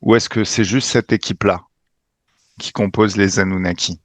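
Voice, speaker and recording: Low-pitched man, hypnotherapist, forceful and emphatic, dry close recording. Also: fairly even intonation, moderate pace, no echo. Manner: commanding, emphatic, swearing casually. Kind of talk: guided regression session.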